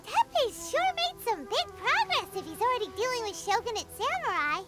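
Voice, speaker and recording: A woman voicing Paimon, a tiny floating fairy companion who is chirpy and excitable and refers to herself in the third person. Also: very high-pitched, moderate pace. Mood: excited. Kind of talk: game voice acting. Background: game music.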